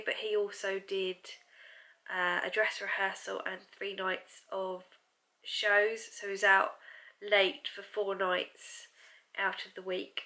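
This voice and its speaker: A young English woman vlogging casually, her voice congested from a cold, soft-spoken and chatty. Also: mid-range voice. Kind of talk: casual vlog chat.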